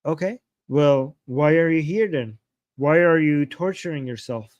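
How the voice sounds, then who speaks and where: A man's voice: on the high side, a little slow, a little mellow, no room sound, dull audio. A man from Iran with an Iranian accent, hosting a live political reaction stream in an argumentative, insistent way, repeating points and asking rhetorical questions. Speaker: livestream host.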